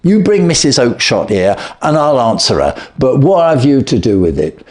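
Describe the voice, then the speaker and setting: A man voicing a surly, cocksure Victorian London poultry salesman in a storybook reading, gruff and blustering. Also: medium pitch, big pitch swings, moderate pace, darkish tone, natural voice. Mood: angry. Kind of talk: storybook character voice.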